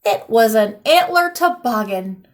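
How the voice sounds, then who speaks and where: Reading a picture book to children, this female teacher has a voice slightly high for a woman. She tells the story in a lively, expressive way, lifting her voice at the exciting moments, and never rushes.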